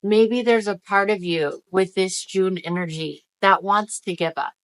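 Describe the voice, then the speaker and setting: A woman's voice: medium pitch, fairly even intonation, a little slow, fairly bright tone, low-quality recording. A woman giving a casual, encouraging, emphatic motivational talk to viewers, speaking out of the side of a mouth numb from the dentist. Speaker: spiritual energy-reading video host.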